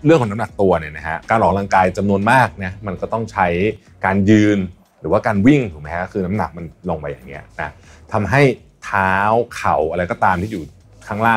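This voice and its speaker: A man's voice: deep voice, slightly rough. A man hosting a podcast, politely interviewing and explaining health advice in a conversational way. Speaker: podcast host.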